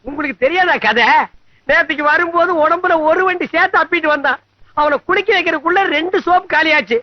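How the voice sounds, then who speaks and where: A man's voice: very high-pitched, fairly quick, dry recording. An actor playing a fussy, rambling man in a film comedy who schemes to touch a woman's hand. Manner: rambling and sly. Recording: dry, dull old film soundtrack.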